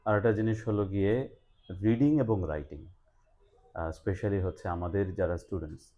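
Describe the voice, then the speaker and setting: A man with a Bangladeshi Bengali accent, hosting a promotional interview for a language institute as a TOEFL instructor. He talks in a relaxed mix of Bengali and English, with frequent "ah" fillers. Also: low-pitched, normal speed, muffled recording.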